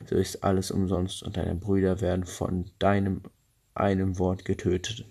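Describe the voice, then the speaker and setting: A man's voice: deep voice, monotone, normal speed, creaky, mellow, slightly rough, heavily acted. A man voicing a stern old wise woman of the forest in a fairy tale he reads aloud, solemn and a little raised in tone.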